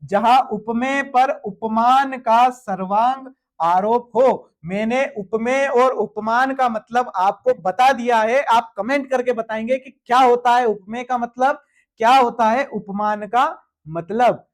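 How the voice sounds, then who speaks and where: A man's voice: very high-pitched, slow pace. A young man teaching a grammar lesson for an exam, asking the students questions and answering them himself.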